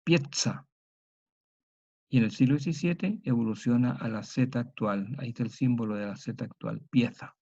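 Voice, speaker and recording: Male lecturer, dark gravelly voice, methodical delivery, lo-fi recording. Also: mid-range voice. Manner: slow, methodical, spells out sounds and examples. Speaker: teacher. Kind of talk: historical grammar lecture. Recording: dull lo-fi recording.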